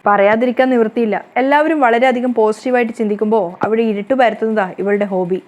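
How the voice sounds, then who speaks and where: A woman retelling a TV serial episode, rushing through the story and correcting herself as she goes. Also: on the high side, darkish tone. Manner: rapid storytelling with frequent self-corrections.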